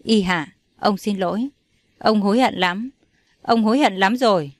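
A woman's voice: medium pitch, moderate pace, no echo, natural voice. A woman voicing a domineering old father in an audio story, harsh and commanding. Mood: remorseful. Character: furious old male patriarch, domineering father.

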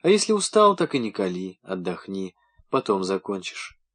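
A man reading an audiobook voices a caring young woman who speaks softly and coaxingly. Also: medium pitch, very animated, moderate pace, slightly rough.

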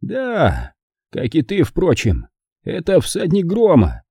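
A man's voice: fairly high pitch, wildly swooping pitch, dark tone, breathy edge, no room sound, studio quality, pitched above the performer's own voice, heavily acted. A man playing a dying frontier uncle, grim. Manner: weak, halting, grim. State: dying, coughing. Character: dying older frontiersman uncle, gruff and stoic.

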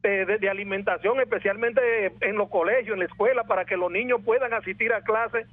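A man's voice: high voice, steady tone, fairly quick, dry recording. A man with a Venezuelan accent, calling in over the phone to a radio show and earnestly voicing a neighborhood complaint. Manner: earnest, keeps saying "oye" and "hermano". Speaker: caller. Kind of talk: call-in complaint. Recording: dry, tinny phone line.

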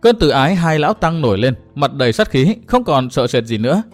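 A man reading a martial-arts novel aloud as an audiobook narrator. His voice sits at an ordinary middle pitch, and he keeps an even, steady storytelling manner. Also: a little fast, soft background music.

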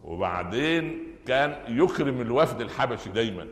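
Egyptian preacher in an echoing hall. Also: male voice, mid-range voice, fairly quick. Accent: Egyptian Arabic. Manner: animated storytelling, stressing key phrases, frequent restarts. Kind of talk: Friday sermon. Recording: echoey hall with long reverb.

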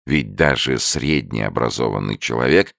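A man voicing a skeptical male professor who flatly dismisses ideas. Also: a bass voice, measured pace, gravelly, no room sound, studio quality, exaggerated voice. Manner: dismissive, matter-of-fact.

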